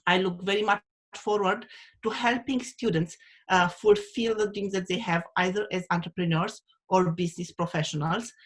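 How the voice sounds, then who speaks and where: A woman's voice: lowish voice, fairly even intonation, moderate pace. A woman from Romania, presenting as a university dean on a video call, with hesitant speech full of fillers. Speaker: undergraduate dean. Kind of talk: webinar presentation.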